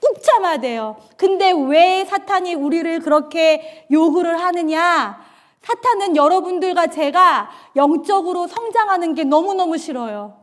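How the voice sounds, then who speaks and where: A woman's voice: extremely high pitch, expressive, measured pace. A woman pastor from Korea preaching a bilingual sermon, impassioned and emphatic, with rhetorical questions.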